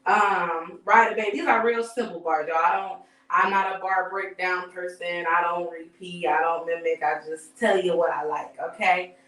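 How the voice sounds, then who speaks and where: A woman's voice: lowish voice, steady tone, normal speed, fairly bright tone, far from the mic. A woman, giving a loose, profane, casual live recap of battle rap events as the channel's host. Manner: loose, profane and conversational, with frequent fillers and sighs. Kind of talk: casual live-stream commentary. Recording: echoey room, voice from off the mic.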